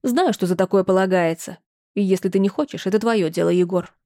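A woman's voice: medium pitch, fairly quick, mellow, close to an everyday voice. A woman voicing a distraught middle-aged mother who wails and scolds, then gives hard, clipped orders. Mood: stern. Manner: lamenting, reproachful, clipped orders. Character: older mother, shrill, wailing, then stern.

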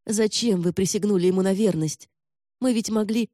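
A defiant young noblewoman from a fantasy audiobook, as read by a man, firing sharp, accusing questions at an old ally. The voice is dark and mellow, recorded close and dry with no room sound. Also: sits high, normal speed, no echo, pitched above the performer's own voice, close to an everyday voice. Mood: pleading.

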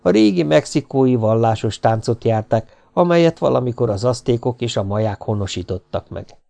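A man narrates a novel for an audiobook in a steady storytelling manner. His voice sits at a middle pitch with a gravelly grain, and his phrases settle low at their ends. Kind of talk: scripted narration.

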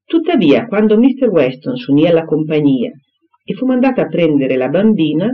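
Expressive male audiobook narrator. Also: fairly high pitch, normal speed, narrow, tinny audio.

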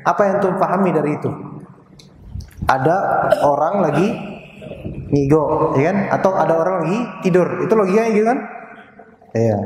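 A man teaching a religious study class, explaining points and asking his listeners questions. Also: high-pitched. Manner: lively, asks the audience questions. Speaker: Islamic teacher. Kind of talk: recorded religious study lesson. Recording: echoey hall with faint noise.

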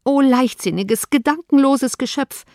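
A woman voicing a sharp-witted young woman who speaks with reproach and exclamation. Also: fairly high pitch, normal speed, no echo, clean studio sound, natural voice. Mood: dismayed.

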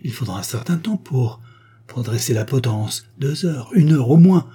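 A man voicing a captured spy who argues gravely about death and then begs for his life, with a warm, husky voice. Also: mid-range voice, normal speed. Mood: pleading. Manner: grave reasoning, then frantic pleading. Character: captured male spy, philosophical then desperate.

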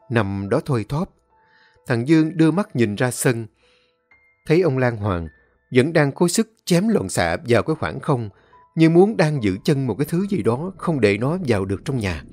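Male horror narrator, dramatic and expressive, lively pitch, soft music under the voice. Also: dry recording. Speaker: storyteller. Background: faint music.

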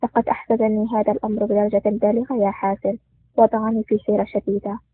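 A man's voice: high-pitched, flat delivery, fast. A man voicing a grave, sad older male intelligence director in a spoken story. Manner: sorrowful, grave. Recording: tinny phone-like sound.

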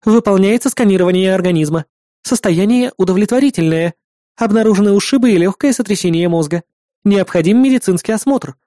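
Man voicing a calm female AI assistant. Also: sits high, moderate pace, dry recording, clean studio sound, voice pushed up, lightly acted. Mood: clinical. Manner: flat, announcing system reports.

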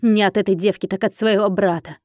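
A woman's voice: mid-range voice, steady tone, fairly quick, darkish tone, dry recording, studio quality, lightly acted. A woman doing a growling, furious dragon man. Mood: menacing. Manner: growling, barking.

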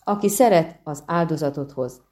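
Lady reading as a bratty sea siren, high and whiny, huffy and demanding, audiobook. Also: dark tone, lightly acted. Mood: indignant. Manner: shrill, indignant and demanding. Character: haughty petulant female siren, sea creature.

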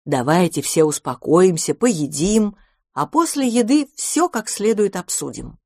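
A woman voicing a calm, reasonable father mouse who is slowly losing patience. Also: fairly low pitch, no echo, clean studio sound, full character voice. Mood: patient. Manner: steady, reasoning.

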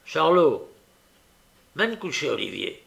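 A man reading an audiobook, voicing a sly old male fence who coaxes and stammers to calm others. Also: on the high side, slow, creaky, heavily acted. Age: older. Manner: stammering, coaxing, placating. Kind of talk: audiobook character voice.

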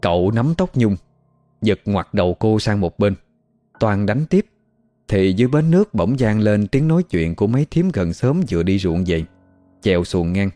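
A man calmly narrating a scripted ghost story in a steady reading voice. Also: lowish voice, moderate pace, dry recording. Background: soft guitar music.

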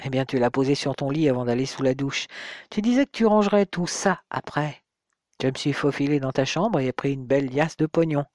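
A man reading the part of a mocking, bitter young man with a slow, taunting way of talking. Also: mid-range voice, a little mellow, no echo, clean studio sound, natural voice. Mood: gloating.

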